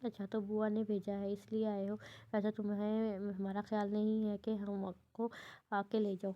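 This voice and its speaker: A woman's voice: mid-range voice, completely flat delivery, highs cut off, lightly acted. A woman reading the lines of a haughty, jealous young woman who taunts and gives orders. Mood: taunting. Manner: taunting, commanding.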